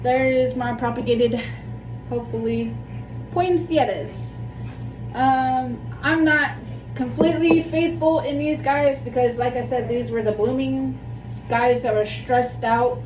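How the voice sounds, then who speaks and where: High-pitched thirtyish woman with a lisp. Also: fairly even intonation, measured pace. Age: 30s. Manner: self-deprecating, apologetic. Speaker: plant vlogger. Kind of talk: casual, rambling chat while demonstrating. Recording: echoey room, distant mic, background music.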